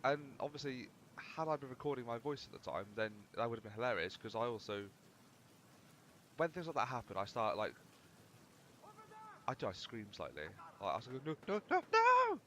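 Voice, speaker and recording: A man's voice: medium pitch, lively intonation, brisk, long pauses, fairly bright tone, a little hiss or hum. A young man rambling casually through gameplay commentary, swearing freely as he chats. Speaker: gaming channel host.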